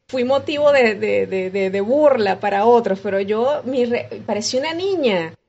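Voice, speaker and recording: A Venezuelan woman with a Venezuelan accent, a guest musician recounting her story in an interview with lively acted-out dialogue and frequent restarts. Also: on the high side, normal speed, creaky, lo-fi sound. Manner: expressive, acts out quoted dialogue with many restarts.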